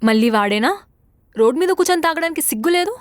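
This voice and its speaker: Sharp-tongued young roommate, high fast voice, dry close sound. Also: female voice, lively intonation, dry recording. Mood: scolding. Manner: scolding, blunt.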